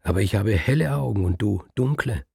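A timid letter writer stumbles over his objections in a low, faltering voice, as a male storyteller puts him on. The tone is husky and gravelly, heard close and dry. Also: expressive, fairly quick, a little mellow, no echo, exaggerated voice. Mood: hesitant. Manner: hesitant, pleading.

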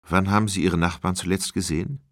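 A man's voice: sits low, fairly even intonation, fairly quick, fairly bright tone, no room sound, clean studio sound. A man reading an audiobook, voicing an urgent female police officer who questions witnesses in a clipped, insistent way.

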